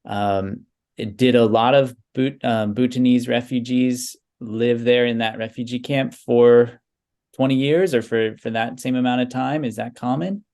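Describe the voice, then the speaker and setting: Man hosting a relaxed interview. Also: mid-range voice, a little slow. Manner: relaxed, friendly questioning with fillers. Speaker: interviewer, host. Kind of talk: casual interview.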